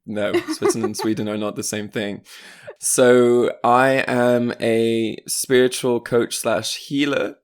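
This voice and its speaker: A man who grew up in France, a guest on a podcast who talks casually and chattily, with fillers and quick tangents. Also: medium pitch, fairly even intonation, clear, resonant tone. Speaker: guest, spiritual coach.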